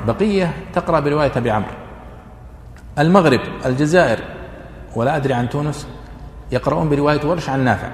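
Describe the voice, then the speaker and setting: A man, lecturing students on Quranic readings in an explanatory classroom manner and pausing on drawn-out fillers. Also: fairly high pitch. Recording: echoey hall, faint ambient noise.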